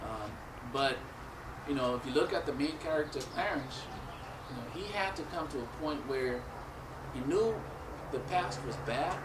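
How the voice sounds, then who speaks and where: A man's voice: medium pitch, expressive, moderate pace. A man from Liberia, talking earnestly and reflectively in an interview. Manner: earnest, reflective, many fillers. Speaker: actor interviewed about a film. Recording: echoey, distant, loud noise and traffic. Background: loud ambience and vehicles.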